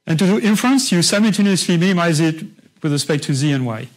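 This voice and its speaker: A man's voice: on the high side, animated, fast talker, low-quality recording. A man lecturing a university class, explaining patiently in a conversational way and often checking in with his listeners. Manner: conversational, with frequent restarts.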